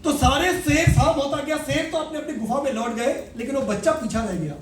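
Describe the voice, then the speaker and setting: A man giving an animated motivational talk, telling a fable and acting out its characters. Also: very high-pitched, fairly quick, slight background noise. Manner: animated storyteller, acts out characters. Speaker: motivational speaker. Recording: echoey room, mic at a distance.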